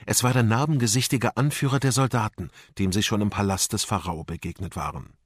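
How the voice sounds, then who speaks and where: A man narrating a children's audiobook in an expressive storytelling manner. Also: lowish voice, a little fast, dry recording, clean studio sound.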